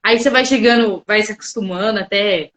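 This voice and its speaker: A woman with a Brazilian accent hosting a podcast and talking in an expressive, chatty way. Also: mid-range voice, brisk. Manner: expressive and chatty, laughing often. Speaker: podcast host. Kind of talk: casual podcast interview.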